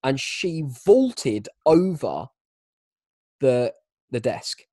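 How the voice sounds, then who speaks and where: A young man telling a casual, self-mocking anecdote with animated delivery. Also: mid-range voice, extremely slow, dry recording. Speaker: storyteller.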